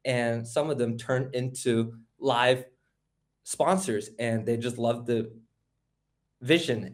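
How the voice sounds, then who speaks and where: A man's voice: mid-range voice, darkish tone. Eager teenage guy. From California. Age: teens. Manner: eager, fast storytelling. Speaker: guest, hackathon organizer. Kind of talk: casual interview talk.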